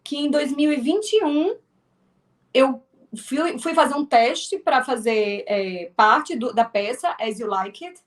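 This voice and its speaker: Speaking slowly in an animated, high-pitched voice, a filmmaker and actress from Northeast Brazil talks casually as an interview guest. Her Northeastern accent is strong, and she frequently restarts.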